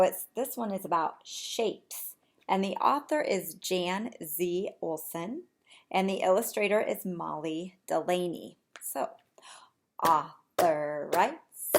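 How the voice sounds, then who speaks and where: A woman reads a picture book to young children as their preschool teacher, expressive and sing-song, often stopping to ask questions. Her voice sits on the low side and she goes slowly.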